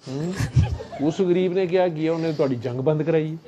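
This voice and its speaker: A man hosting a casual conversation as a spiritual guide, teasing his guest and murmuring steady "hmm"s as she talks. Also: a little high, unhurried.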